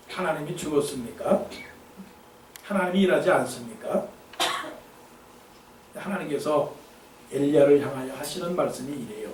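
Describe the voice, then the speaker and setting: A man's voice: fairly high pitch, a little mellow, slight background noise. Dramatic man preaching a sermon. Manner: dramatic, rhetorical questions to the congregation. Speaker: pastor. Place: church sanctuary. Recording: echoey church from a distance.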